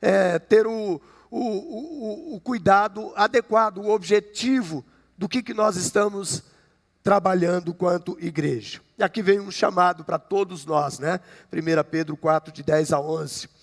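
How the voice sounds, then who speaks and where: A Brazilian pastor in his fifties preaches a conversational sermon to his congregation, cracking jokes and frequently checking in with "né?". His high-pitched voice keeps a measured pace, with long hall reverb from the church sanctuary.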